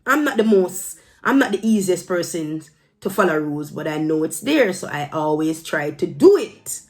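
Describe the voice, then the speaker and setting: A lowish, darkish, sing-song voice at a moderate pace belongs to a Jamaican woman vlogging her opinions. Casual but emphatic, she admonishes her viewers and lapses into Patois.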